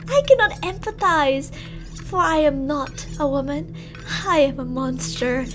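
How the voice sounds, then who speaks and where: In a scripted ASMR roleplay, a high-voiced woman plays an unhinged cannibal killer who gloats and taunts, stretching out her words in a mock-sweet, theatrical way.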